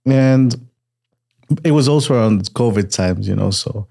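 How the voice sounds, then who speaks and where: A man's voice: mid-range voice, unhurried, gravelly, warm tone. A man from Peru raised in Montreal, a podcast guest telling his story with frequent hesitations in a casual chat. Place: car.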